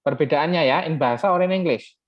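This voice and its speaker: Indonesian-accented male lecturer, lo-fi sound. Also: fairly high pitch. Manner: switches between Indonesian and English, halting restarts, quizzes the class. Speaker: university lecturer. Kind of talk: classroom lecture. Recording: dull lo-fi recording.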